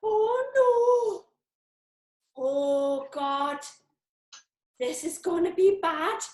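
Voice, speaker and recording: A woman's voice: extremely high pitch, animated, drawn-out words, a little mellow, roomy sound, full character voice. A woman doing a shy Welsh village cheese maker. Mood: panicked. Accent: put-on Welsh. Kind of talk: improvised comedy role-play. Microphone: video call.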